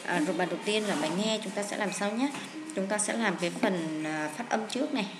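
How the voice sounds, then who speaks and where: A woman teaching English to students, walking through an exam in a chatty way, with lots of drawn-out fillers and repeated words. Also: medium pitch. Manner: addresses students warmly as "các bạn". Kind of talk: exam walkthrough lesson. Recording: echoey room with faint hiss.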